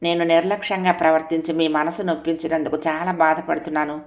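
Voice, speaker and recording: A woman's voice: low-pitched, little pitch movement, fast. A woman voicing a dignified young wife who speaks in an earnest, tearful way.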